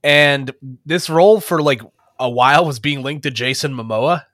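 A young man co-hosting a casual gaming podcast, animated and joking, often opening lines with "listen". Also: fairly high pitch, moderate pace, no room sound, clean studio sound. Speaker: podcast co-host, esports commentator.

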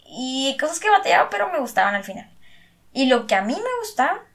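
A woman's voice: high voice, sing-song, a bit bright. A young woman with a Mexican Spanish accent telling a personal story in a casual chat. She talks in slang, swears freely and acts out what people said. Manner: slangy and profane, quick to swear.

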